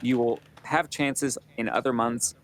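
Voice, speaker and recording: A man's voice: mid-range voice, steady tone, unhurried, a little hiss or hum. Chatty upbeat male talk show host. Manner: upbeat, chatty, laughs often. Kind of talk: casual interview chat.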